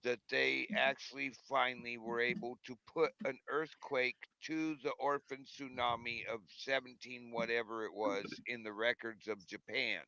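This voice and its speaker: A man's voice: mid-range voice, flat delivery, moderate pace, hardly any pauses, bright, forceful tone. A man on a casual group chat show, explaining at length with emphasis. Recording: dull lo-fi sound.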